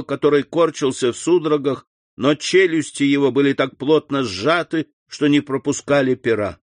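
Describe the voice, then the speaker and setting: Male narrator for a classic novel, even steady storytelling, mid-pitched. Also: no echo, studio quality. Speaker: audiobook narrator.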